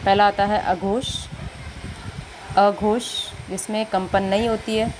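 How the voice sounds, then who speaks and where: A woman's voice: medium pitch, level tone, takes it slowly, darkish tone, slight background noise, poor audio. A woman teacher giving a grammar lesson to children, patiently asking questions and answering them herself. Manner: patient, asks and answers her own questions.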